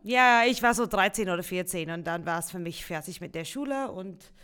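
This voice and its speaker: A woman's voice: lowish voice, moderate pace, clean tone. Australian woman speaking German, laughs often. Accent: Australian English. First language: English. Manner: lively storyteller, laughs often, simple non-native phrasing. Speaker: musical theatre performer, guest. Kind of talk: casual interview chat.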